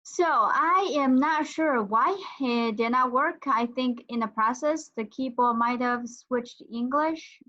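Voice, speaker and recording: A woman's voice: high-pitched, measured pace, few pauses, bright, forceful tone. A woman giving a casual tutorial demonstration, thinking aloud with some hesitation. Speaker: instructor. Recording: dull lo-fi audio.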